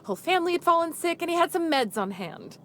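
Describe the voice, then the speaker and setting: A guarded, jumpy video game townswoman. Her voice is very high and swings widely as she speaks defensively. There is faint noise and ambience around her. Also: sing-song, fast, fairly bright tone, full character voice. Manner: startled, defensive.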